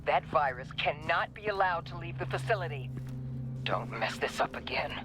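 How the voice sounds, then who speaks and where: An actor playing a stern, commanding agency boss in a video game, forceful and reprimanding. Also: male voice, a little high, animated, moderate pace, very noisy, close to an everyday voice. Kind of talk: dramatic video game acting.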